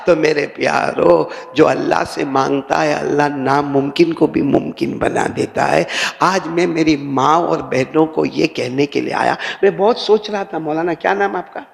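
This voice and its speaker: A man's voice: fairly high pitch, creaky, big-room sound. An older man preaching a sermon, telling stories and speaking straight to a seated audience. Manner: storytelling preacher, addresses crowd directly.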